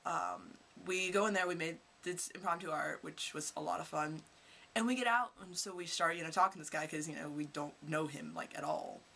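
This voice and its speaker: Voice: mid-range voice, gravelly, bright, forceful tone, a little hiss or hum. A teenage vlogger from Kentucky telling rambling stories to camera in a casual, chatty way. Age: teens. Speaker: vlogger, high school student.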